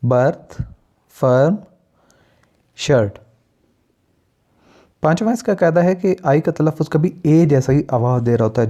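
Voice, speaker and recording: Male teacher from Pakistan, unhurried and methodical. Deep mellow tone, muffled lo-fi recording. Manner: deliberate, lists example words one by one. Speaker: English teacher. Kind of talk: spoken pronunciation lesson. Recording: dull lo-fi recording.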